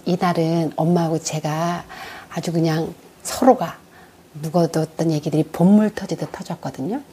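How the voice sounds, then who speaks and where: A middle-aged woman telling her own story in an earnest, candid way, calmly retelling talks with her mother. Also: lowish voice, slightly rough. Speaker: vlogger. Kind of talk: reflective personal talk.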